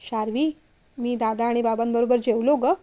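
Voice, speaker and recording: A woman's voice: fairly high pitch, fairly even intonation, normal speed, dark tone, lightly acted. A woman voicing a sulky, childish young man who pleads and whines to his father in a storybook reading. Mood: earnest. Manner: pleading, whiny.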